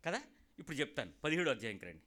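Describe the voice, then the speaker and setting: A man's voice: mid-range voice, very fast. A man preaching a sermon as pastor, joking and talking straight to the listeners, acting out the people he quotes. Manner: lively, joking, talks straight to listeners and acts out callers.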